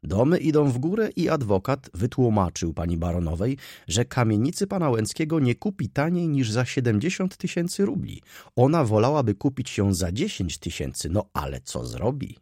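A man reading an audiobook and voicing a shrewd, chatty old moneylender who haggles and flatters. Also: mid-range voice, moderate pace, slightly rough, dry recording, studio quality, voice pushed up. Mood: wheedling. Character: shrewd old grey-haired male moneylender.

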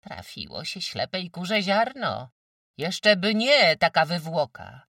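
A man voicing a fierce, domineering old peasant mother who scolds in shrill shouts. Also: huge pitch swings, measured pace, no room sound, studio quality, recorded from a distance, exaggerated voice. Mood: mocking.

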